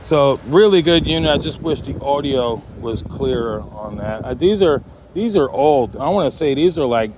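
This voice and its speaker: Man, mid-pitched, casual vlog chat, rambling, jokey, hobbyist talking to viewers, faint background noise. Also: animated, moderate pace, hardly any pauses. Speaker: amateur radio hobbyist vlogger.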